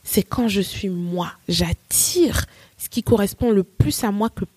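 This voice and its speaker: As a guest on a casual podcast, a woman who runs an English-teaching business tells stories with lots of energy and acts out the quotes. Her voice is medium-pitched, unhurried and husky, with no room sound in the recording.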